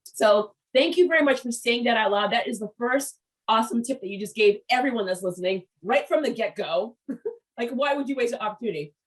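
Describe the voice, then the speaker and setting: A woman hosting a casual business interview, telling stories with lively acted-out quotes. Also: on the high side, a little fast, low-quality recording. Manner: animated storyteller, acts out quotes. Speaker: podcast host.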